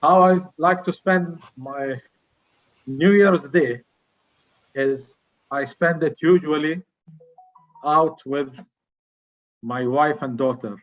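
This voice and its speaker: A middle-aged man speaking in a measured, formal way as an evaluator addressing a club meeting. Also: fairly high pitch, highs cut off, soft background music. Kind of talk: prepared public speaking.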